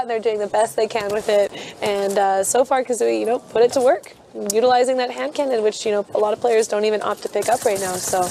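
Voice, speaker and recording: A woman giving live play-by-play esports commentary, energetic and quick with analytical calls, laughing easily. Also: on the high side, a little hiss or hum. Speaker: esports caster.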